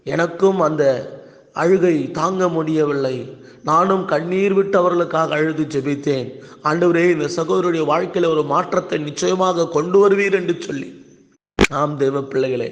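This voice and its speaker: A man's voice: fairly high pitch, long reverb tail, highs cut off. A man preaching a sermon as a pastor, earnest and pleading, asking his listeners question after question.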